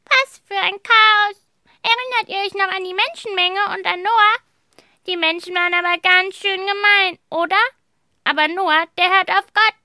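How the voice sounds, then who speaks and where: A bubbly time-travel guide from a children's audio story, voiced by a woman in a very high, glassy bright tone. She chatters eagerly to young listeners. The sound is dry and close. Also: moderate pace, no room sound, heavily acted. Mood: storytelling. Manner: excited, talks straight to young listeners.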